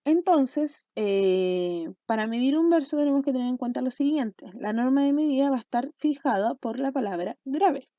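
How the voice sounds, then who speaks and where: A woman's voice: high voice, normal speed, few pauses, warm tone, no room sound. A woman teacher giving an online class, explaining step by step and often checking in with her students. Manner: patient, step-by-step explaining with frequent check-ins. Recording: dull lo-fi sound.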